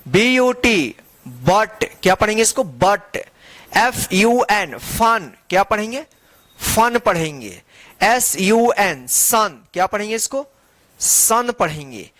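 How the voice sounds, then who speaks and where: A man with a high-pitched voice teaches a phonics lesson, spelling each word letter by letter before reading it aloud. He patiently asks the class to repeat after him. The recording is close and dry. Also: big pitch swings, slow, fairly bright tone, dry recording. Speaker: English teacher.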